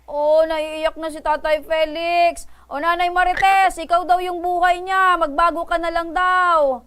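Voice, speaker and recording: A woman hosting a radio call-in program, mediating between callers with brisk, probing and teasing questions. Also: very high-pitched, flat delivery, fairly bright tone. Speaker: host.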